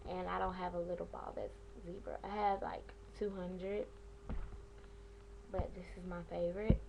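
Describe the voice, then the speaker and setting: This clip features a young female vlogger with a lowish, flat-sounding voice that has little pitch movement and some vocal fry, speaking at normal speed. She gives casual, slangy advice on caring for piercings, often getting sidetracked. Background noise is present.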